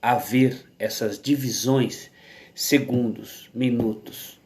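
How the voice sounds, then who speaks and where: A man with a Brazilian Portuguese accent, vlogging to camera in a casual monologue, rambling with many restarts and tag questions at an unhurried pace. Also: mid-range voice, fairly even intonation, a little mellow.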